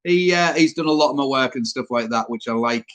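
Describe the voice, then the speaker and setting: Yorkshire man, trucker host of a live Q&A, loose rambling delivery, mid-pitched everyday voice. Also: a little fast, a bit bright. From Yorkshire, England. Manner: rambling, answers viewer questions aloud. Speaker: truck driver hosting a live Q&A. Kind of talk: casual live-stream chat.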